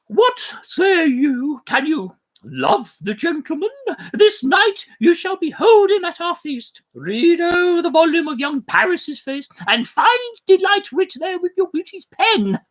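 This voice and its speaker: A stately noblewoman speaks with composed, formal persuasion, played by a woman. The voice is very high, the pace slow and deliberate, as in a staged reading of a classic play. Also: sing-song, exaggerated voice. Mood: persuasive.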